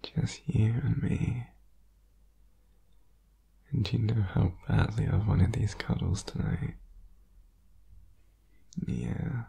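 A man playing a needy, sleepy, affectionate boyfriend in an ASMR whispered role-play, tender and clingy, with a husky, creaky whisper. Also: fairly low pitch, big pitch swings, dark tone, heavily acted. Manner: slow, tender, clingy, soothing. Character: needy, sleepy, affectionate boyfriend cuddling his partner in bed.

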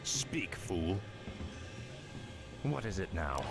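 A man voicing a contemptuous undead insect king in a video game, gravelly, imperious and menacing, drawling his words. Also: low voice, sing-song, drawn-out words, heavily acted. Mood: haughty, irritated. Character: contemptuous undead nerubian lord, huge proud insect king. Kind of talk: video game unit voice acting. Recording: loud game music over voice.

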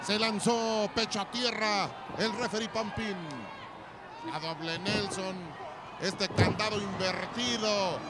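A man's voice: high voice, takes it slowly. A man with a Mexican accent giving colourful, slangy play-by-play commentary on wrestling. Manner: colourful slang-laden announcing. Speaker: lucha libre commentator. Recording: very noisy arena crowd behind. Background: loud arena crowd.

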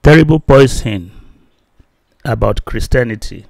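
A gravelly, medium-pitched voice belongs to a man in his fifties with a Nigerian Yoruba accent, teaching alone on video through a close desk mic with no echo. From his small indoor room he speaks slowly and haltingly, packed with fillers, building in volume and force as he continues.

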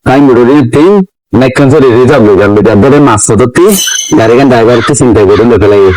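A man's voice: mid-range voice, quick pace, darkish tone, no room sound, natural voice, rough recording. A man with a Chittagonian Bengali accent playing a bossy local fixer in an amateur comedy skit. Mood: bossy, pressing. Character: bossy local fixer men turn to for help.

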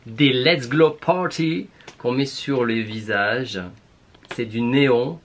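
This male beauty vlogger has a southern French accent and a medium-pitched, mid-range voice, speaking slowly with slight background noise behind him. Talking straight to viewers in a casual shopping haul vlog, he's chatty, playful and exclamatory.

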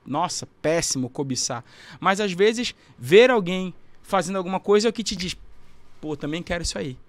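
A man with a Brazilian Portuguese accent, a musician guest on a podcast, talking in a reflective, soft-spoken way and closing thoughts with a tag question. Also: high voice, expressive, normal speed, no echo. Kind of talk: casual podcast interview.

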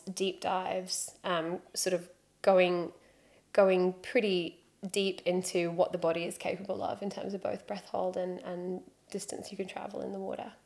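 Her voice is lowish and a little mellow. She's a freediving instructor from Britain, in her thirties, appearing as a podcast guest on a studio sofa by a plain wall, wearing headphones near a desk mic and recounting her story in easygoing interview chat with self-deprecating humor.

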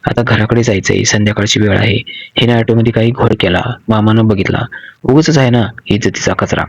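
A man's voice: fairly low pitch, a little fast, highs cut off. A man narrating a story to his listeners in a colloquial, confiding way, often calling them friends.

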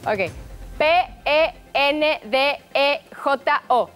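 A woman's voice: high voice, very slow, fairly bright tone, faint music behind. A woman who is a game show contestant, eager and a little nervous.

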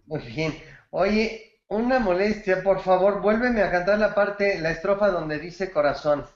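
A man's voice: high voice, unhurried, highs cut off, music in the background. Encouraging male songwriting teacher, roomy call. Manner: warm praise, explanatory, quotes song lyrics as examples. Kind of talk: feedback in an online class.

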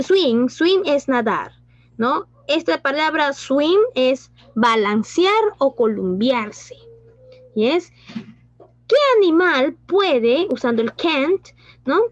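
Woman teacher, high slow voice, dull dry sound. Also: animated, no echo. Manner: mixes Spanish and English, asks questions and praises pupils. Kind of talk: online class teaching.

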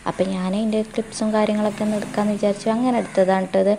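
A woman's voice: medium pitch, flat delivery, racing, vocal fry, dark tone, slight background noise. A young woman from Kerala with a Malappuram Malayalam accent, narrating her home vlog in a chatty way and tagging her sentences with a friendly "tto". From Kerala, India. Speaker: vlogger.

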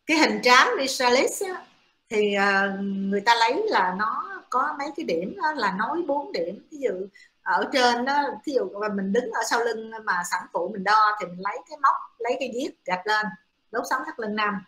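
A woman's voice: fairly high pitch, animated, normal speed, sharp tone. A woman giving a classroom lecture to students, explaining step by step with many hesitant fillers. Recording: echoey room.

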